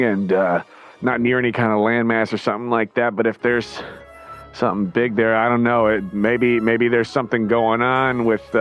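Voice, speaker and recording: A man's voice: mid-range voice, a bit bright, lightly acted. A man voicing a friendly, hesitant male weather assistant who rambles with lots of "uh" and "well". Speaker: game master voicing a character.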